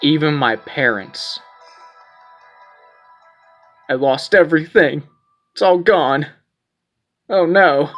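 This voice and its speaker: A man's voice: fairly high pitch, slow pace, a bit bright, faint music behind. A man playing a story game, reading its text aloud in a casual way, often repeating words, and chatting between the lines. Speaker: gameplay streamer.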